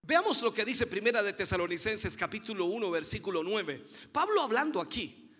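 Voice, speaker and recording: A man's voice: sits high, big pitch swings, brisk, a bit bright, slightly rough. A man preaching a sermon with fervent, emphatic delivery, building repeated phrases and calling listeners dear brother. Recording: long hall reverb.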